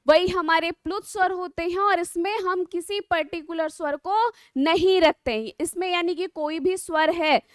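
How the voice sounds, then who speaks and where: A woman teacher giving an online exam-prep lesson, explaining patiently with drawn-out words and frequent rhetorical questions to her students. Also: very high-pitched, a bit bright, no room sound, clean studio sound.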